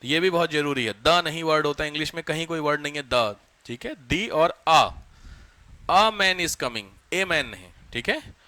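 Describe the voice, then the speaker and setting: A man teaching a class, quizzing his students with quick questions and answering them himself. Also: on the high side, lively intonation, pushed and bright, no room sound. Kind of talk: classroom lecture.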